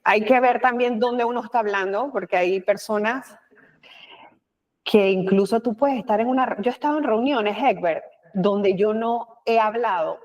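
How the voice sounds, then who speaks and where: A woman with a Panamanian Spanish accent, a communication expert talking expressively in an interview, with frequent fillers and quoted asides. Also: mid-range voice. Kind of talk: conversational interview.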